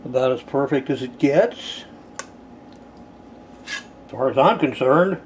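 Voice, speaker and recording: An easygoing man talks slowly through his cooking in a home kitchen, dropping dry little asides. His voice sits at an ordinary middle pitch. Faint sizzling from the pan hums underneath. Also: lively intonation, slight background noise. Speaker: home cook. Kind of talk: casual cooking narration.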